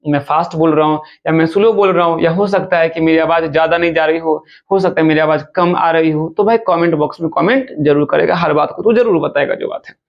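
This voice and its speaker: A male physics teacher races through exam questions in a quick, chatty way. His voice sits high and gravelly. The recording sounds dull and lo-fi. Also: fairly even intonation. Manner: fast, chatty, addresses students informally as "bachcha". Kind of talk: objective-question exam lesson.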